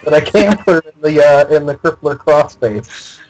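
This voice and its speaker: A man's voice: on the high side, normal speed, lo-fi sound. A man playing a tabletop game over voice chat, describing his character's wrestling moves with lots of restarts. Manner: excitable, stumbling restarts while describing moves. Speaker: player. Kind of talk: casual tabletop game play.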